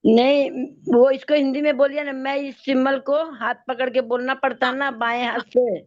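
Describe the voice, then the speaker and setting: A woman's voice: sits high, level tone, normal speed. A woman joining a workshop over a video call, her voice breaking up and glitching as she asks for an explanation. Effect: breaking, glitchy call audio. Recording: dull lo-fi online call.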